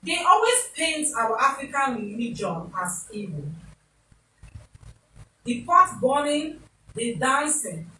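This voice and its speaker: A woman's voice: high voice, sing-song, slow pace, long pauses, bright, forceful tone, roomy sound, recorded from a distance, slight background noise, rough recording. A Nigerian woman hosting a talk show in a casual, opinionated way, slipping into Pidgin turns of phrase. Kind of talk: casual studio interview.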